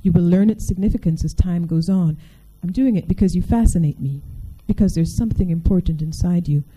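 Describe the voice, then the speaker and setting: A woman voicing a mysterious, seductive male being who speaks quietly and with command, in a low, dark, mellow tone. Every word is measured and intimate, as in a storybook read aloud. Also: slightly rough, poor audio. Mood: solemn.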